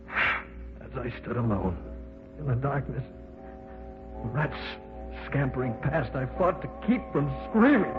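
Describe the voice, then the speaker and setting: On a scratchy, tinny old radio broadcast, an actor narrates in the first person as a frightened man held captive underground. He tells the tale in tense, dramatic old-time radio style, his voice on the high side and close to an everyday speaking voice.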